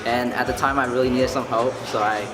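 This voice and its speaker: A man's voice: mid-range voice, fairly even intonation, fairly quick. A young man, a student of eighteen, talking casually and a little hesitantly about applying to college. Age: young adult. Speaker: student interviewee. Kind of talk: casual testimonial. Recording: echoey hallway with loud music.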